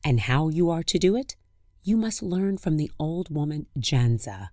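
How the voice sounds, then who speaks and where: A woman voicing the sun as a wise, kindly spirit in a fairy tale, giving calm, steady counsel. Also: low voice, measured pace, no echo, clean studio sound. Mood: instructing.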